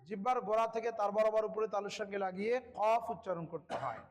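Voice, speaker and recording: A man teaching Quran pronunciation, reciting the verses slowly syllable by syllable and stopping for quick spoken explanations of each sound. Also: high-pitched.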